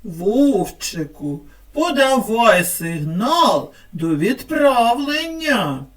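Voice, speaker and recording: A woman speech therapist narrating a scripted children's lesson in an expressive teacher's tone. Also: a little high, far from the mic. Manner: slow, lively, expressive teacher tone.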